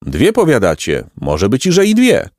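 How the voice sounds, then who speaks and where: A man's voice: medium pitch, wildly swooping pitch, moderate pace, darkish tone, no echo, studio quality, pitched above the performer's own voice. A man voicing a cheerful, good-natured peasant who talks in a hearty, simple-hearted, laughing way, in a storybook reading. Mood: sly, joking.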